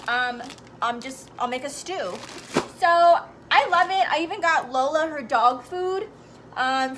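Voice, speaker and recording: A woman in her thirties talks chattily into a phone camera held at arm's length, filling pauses with ums as she walks through her day. Her voice sits a little high, and a faint noise runs under the recording. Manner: chatty, upbeat, many ums. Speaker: vlogger. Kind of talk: casual vlog walkthrough. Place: at home, then in a parked car.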